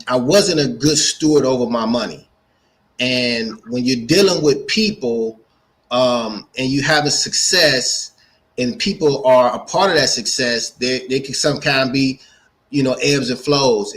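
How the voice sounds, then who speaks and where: The recording is low quality, capturing a mid-range, fairly bright male voice. He's a 49-year-old American entrepreneur and speaker from Gary, Indiana, guesting in an interview, recounting his story informally and repeating phrases for emphasis.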